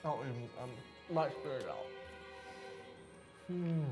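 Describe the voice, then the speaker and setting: A man co-hosting a comedic taste-test show, talking with his mouth full of candy in a deadpan, grumbling way. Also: medium pitch, measured pace, music in the background. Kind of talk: comedic casual chat.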